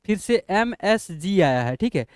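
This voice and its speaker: A man's voice: high voice, big pitch swings, unhurried, clear, resonant tone, no echo, clean studio sound. A man teaching a lesson, patiently spelling out letters one by one and asking the students whether they follow. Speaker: English teacher. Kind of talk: classroom lesson explaining spelling.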